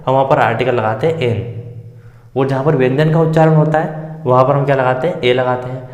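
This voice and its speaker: A man's voice: medium pitch, brisk, darkish tone. Man teaching English grammar in an echoey room. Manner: explains step by step, poses questions and answers them himself. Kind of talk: Hindi-medium grammar lesson. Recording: roomy echo with long reverb.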